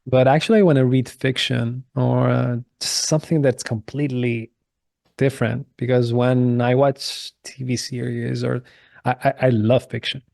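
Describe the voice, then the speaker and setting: A man in his thirties, a podcast guest, speaking at a middle pitch with a gravelly texture and little melodic movement. He is candid and halting, often repeating words as he starts a thought, and the recording is close and dry. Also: flat delivery, darkish tone, no room sound. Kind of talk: casual conversational interview.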